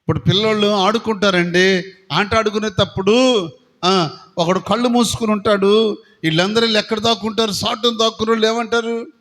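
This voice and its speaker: A man's voice: high voice, steady tone, a little fast, pauses often, a bit bright. A man preaching a sermon to a congregation. He asks them questions and acts out voices from the story. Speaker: pastor. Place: prayer hall. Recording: long hall reverb.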